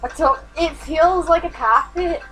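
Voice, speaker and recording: High-voiced woman bantering casually, music behind. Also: measured pace, low-quality recording. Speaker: contestant and timekeeper in a burping contest. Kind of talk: casual banter during a challenge video.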